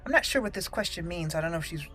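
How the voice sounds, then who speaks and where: Speaking very fast in an expressive, lowish and slightly bright voice, a woman hosts a let's play for her gaming channel. Indoors, with game audio in the background, she playfully shifts between voicing characters and chatting casually.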